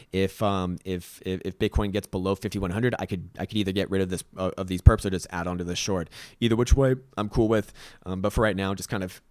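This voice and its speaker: A man with a raspy, fairly low voice and a Latvian accent hosts casual chart commentary. He talks very quickly in an informal, self-deprecating way, recorded dry and close. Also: darkish tone, dry recording. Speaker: host, market analyst.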